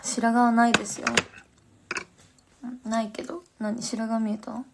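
A woman's voice: on the high side, little pitch movement, unhurried, vocal fry, background noise. A young woman with a Fukuoka accent chatting casually on a phone livestream, slangy and answering viewer comments. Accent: Fukuoka Japanese.

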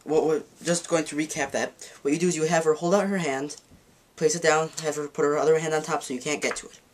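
In a dim room, a magic teacher with a fairly high voice walks through a card trick at a table in a casual tutorial, rambling and correcting himself as he demonstrates with the cards. His tone is steady and his pace quick.

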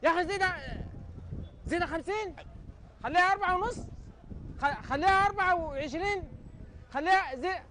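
Sudanese man, quick insistent lecturer, high voice, light noise. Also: bright, forceful tone. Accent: Sudanese Arabic. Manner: argumentative, lecturing, rapid insistent. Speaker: comic actor playing a customer. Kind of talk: Sudanese comedy sketch.

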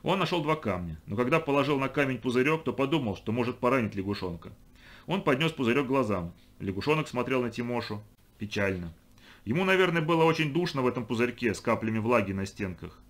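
A man reading a storybook aloud as narrator, expressive, lifting his voice for the children's lines. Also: mid-range voice, quick pace. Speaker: audiobook reader. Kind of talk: scripted narration.

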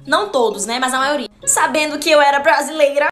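A woman's voice: high voice, fast talker, a bit bright. A young woman telling a funny personal story in a chatty, slangy way. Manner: chatty, slangy, comic retelling. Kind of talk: casual storytelling. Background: background music.

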